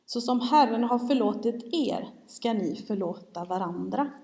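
Svensk kvinna som predikar i en kyrksal. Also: female voice, on the high side, lively intonation, warm tone, a little hiss or hum. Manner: candid storytelling, self-mocking. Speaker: preacher. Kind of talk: sermon. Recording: long hall reverb.

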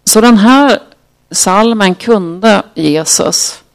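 A preacher with a gravelly, creaky voice gives a devotional talk. The delivery is unhurried and halting with fillers, and the scripture is read slowly and solemnly. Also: mid-range voice.

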